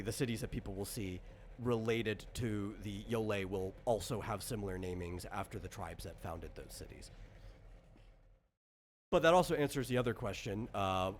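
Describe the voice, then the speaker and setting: A man with a fairly low voice talks at a normal speed, hosting a casual chat about tabletop character creation in his role as game designer. He rambles and corrects himself as he explains. It's an online voice call recorded on a computer, with clear background noise over the voice chat.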